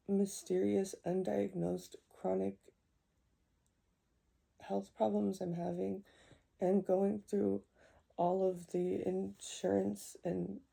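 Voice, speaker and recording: Young woman, upset vent, halting, husky voice, dark tone. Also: medium pitch. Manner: upset, halting, repeating herself. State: distressed. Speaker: vlogger. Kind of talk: emotional personal vent.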